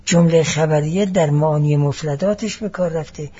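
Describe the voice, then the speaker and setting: A man giving a classroom lecture as a seminary teacher, explaining each point deliberately and mixing in Arabic phrases. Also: on the high side, dark tone, husky, muffled recording.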